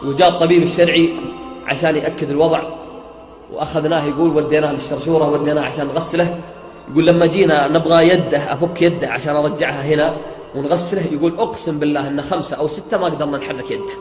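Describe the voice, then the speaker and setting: A man's voice: fairly high pitch, fairly even intonation, rapid-fire. A man, a preacher telling a story in sermon style, swearing oaths and rising to a near-chant. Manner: retells an eyewitness account, swearing oaths, rising to near-singing emphasis. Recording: echoey hall with faint music.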